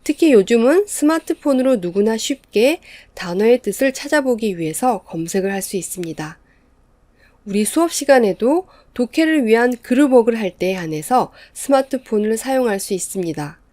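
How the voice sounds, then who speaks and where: A woman lecturing as an English teacher, explaining in an even, measured way. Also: on the high side, no echo. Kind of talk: scripted lecture narration.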